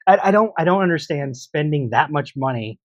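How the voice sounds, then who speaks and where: Opinionated man, a bit high, dry sound. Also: expressive, brisk, no echo, lo-fi sound. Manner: opinionated, laughs often. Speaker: podcast co-host. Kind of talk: casual chat.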